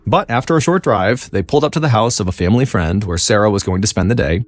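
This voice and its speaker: Lively low-voiced male storyteller. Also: fast. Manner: dramatic storytelling, lively intonation. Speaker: podcast narrator. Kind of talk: scripted true-crime narration. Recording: faint music behind.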